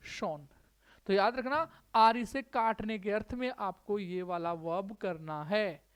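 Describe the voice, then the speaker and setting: A woman teaching an exam-prep grammar lesson, repeating words slowly and asking checking questions. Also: on the high side.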